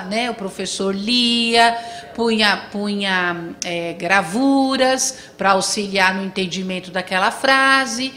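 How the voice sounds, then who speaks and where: Bright-voiced woman giving a lecture. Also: mid-range voice, slight background noise. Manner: explains step by step, checks in with the audience often. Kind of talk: classroom lecture.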